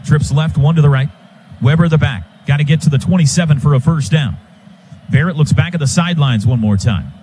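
Brisk and a little high, this American radio announcer calls football live from the stadium booth. His short, clipped phrases keep up with the action on the field, and the loud roar of the stadium sits right behind his voice.

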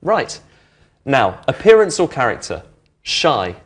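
Man explaining clearly. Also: medium pitch, wildly swooping pitch, slow pace. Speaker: presenter of an English lesson. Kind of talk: friendly teaching explanation. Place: indoor studio with brick walls.

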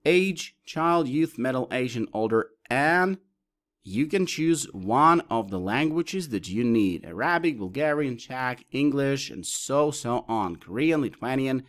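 A man presenting a software tutorial, explaining each option step by step as he clicks through it. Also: mid-range voice, animated, measured pace. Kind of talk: screen-recorded tutorial walkthrough.

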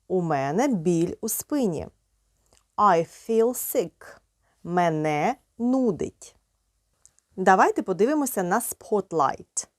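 A woman with a Ukrainian accent teaching a beginner English lesson, explaining slowly and clearly. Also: mid-range voice, darkish tone, dry recording, studio quality.

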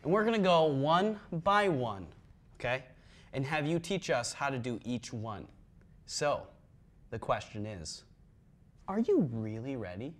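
A man's voice: medium pitch, very animated, unhurried, long pauses. A young man hosting a student comedy how-to video, joking and playful. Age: young adult. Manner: jokey, playful, puts on silly accents.

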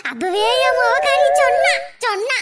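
A woman voicing a melodramatic elderly village mother who sobs and shouts her laments in a cartoon. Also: extremely high pitch, lively intonation, normal speed. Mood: wailing. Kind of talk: cartoon voice acting. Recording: loud background noise.

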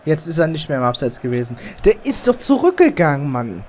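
A gamer with a slightly high voice talks through his match in loose, casual bursts. He gets excited and groans or swears when plays go wrong. The mic is slightly overdriven at times. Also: brisk, slight background noise. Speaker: let's play gamer. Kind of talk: casual live gameplay commentary. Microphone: headset or desk mic, slightly overdriven.

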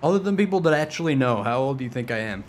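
Excitable profane young man streaming. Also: mid-range voice, racing, a little hiss or hum. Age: 20s. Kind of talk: casual live-stream commentary.

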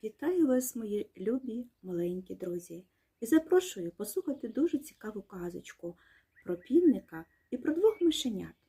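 A woman reads a fairy tale to little children with a high, lively, sing-song voice that swoops up and down. Her tone is mellow and soft with a breathy edge. She sounds tender and uses many diminutives. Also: moderate pace. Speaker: children's storyteller.

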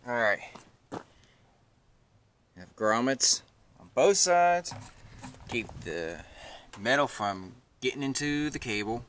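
Animated yet slow and full of pauses, a middle-aged man with a medium-pitched, slightly bright voice walks viewers through his truck project in a casual how-to. He's outdoors by the vehicle in a residential yard, holding the camera at arm's length, and the noisy recording includes clicks.

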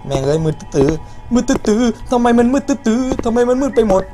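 A man's voice: very high-pitched, big pitch swings, fast. A man commenting as he plays a horror game, yelping, swearing and talking back to it. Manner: jumpy, yelps and swears, talks to the game. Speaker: gaming YouTuber. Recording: loud background music.

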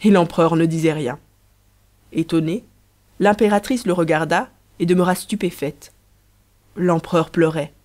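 A woman narrating a story in an even, storybook reading style. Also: on the low side, normal speed, pauses often. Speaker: audiobook narrator. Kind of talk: scripted narration.

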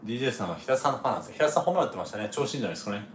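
A man who is a former baseball pitcher hosts a relaxed livestream, chatting casually, reading viewer comments and laughing often. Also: racing, reverberant, a little hiss or hum.

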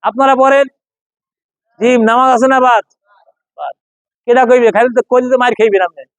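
Male Quran teacher, very high voice, dry close sound, slow chanted letter drills and rhetorical questions. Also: dry recording, rough recording. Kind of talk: classroom pronunciation lesson.

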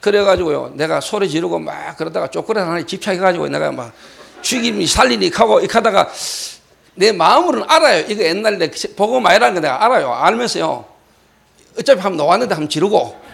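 Gravelly, animated pastor. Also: male voice, high-pitched. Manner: animated storytelling, acting out shouted quotes. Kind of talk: sermon with personal story. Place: church hall.

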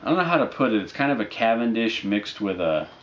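Casual male reviewer, deep voice, laid-back and halting, lo-fi living-room camera sound. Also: very animated, a bit bright. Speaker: product reviewer. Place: living room, indoors, on a couch. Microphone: camera mic a short distance away. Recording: dull lo-fi audio with noticeable background noise.

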